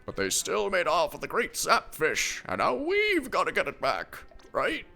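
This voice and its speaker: A man acts out a grumpy old captain from a video game, folksy and easily worked up. His old man voice creaks and leaps wildly in pitch. It is an eccentric veteran's voice, forever urging on a young recruit. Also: wildly swooping pitch, unhurried, pushed and bright, soft background music, exaggerated voice. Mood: urging, eager. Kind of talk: reading video game dialogue aloud in character.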